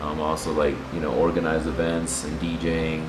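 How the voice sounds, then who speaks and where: A man's voice: rumbling low, completely flat delivery, a little fast, background noise. A man in his thirties from Puerto Rico who was raised in the southern US, an entrepreneur talking casually as an interview guest in a loose, rambling way that is sprinkled with swearing. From Puerto Rico, raised in the US Gulf South. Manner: laid-back, profane, loose and rambling. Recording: roomy sound with background music.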